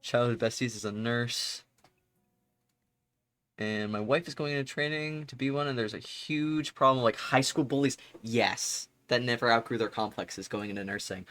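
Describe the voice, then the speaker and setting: A man's voice: mid-range voice, fairly even intonation, normal speed, a bit bright, soft background music. A young adult man streaming live, chatting casually with his audience in a rambling way and laughing often.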